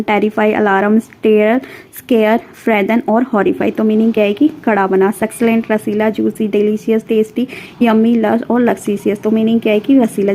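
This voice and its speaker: A woman teacher drills word lists in a casual class. Her voice sits a little high but stays flat and mellow, moving through the words with fillers and quick corrections. Faint noise hums under the recording. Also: poor audio. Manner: reads word lists in steady run, with fillers and self-corrections. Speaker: vocabulary teacher.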